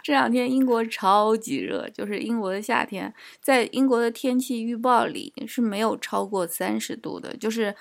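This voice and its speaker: A woman's voice: fairly high pitch, normal speed, creaky, few pauses. Chatty woman co-host from China. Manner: explains at length with many fillers. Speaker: podcast co-host. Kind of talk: casual chat.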